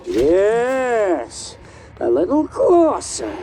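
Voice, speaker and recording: A high, creaky, deranged taunter. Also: male voice, wildly swooping pitch, extremely slow, mellow, slight background noise, heavily acted. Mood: menacing. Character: deranged, paranoid, menacing man taunting intruders. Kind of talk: video game character acting.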